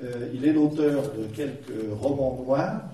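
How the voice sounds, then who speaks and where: Very dark-voiced man in a reverberant hall. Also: medium pitch, fairly even intonation. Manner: halting, searching for words. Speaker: event presenter. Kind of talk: introducing speakers at a round table. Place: indoor conference hall. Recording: very echoey hall, distant mic, faint noise.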